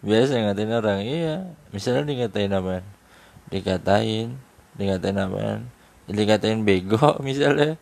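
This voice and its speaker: A man's voice: lowish voice, expressive, a little slow, vocal fry, a little mellow. A man in casual, teasing chat, laughing often as he jokes around. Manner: joking banter with frequent laughter; slangy and teasing.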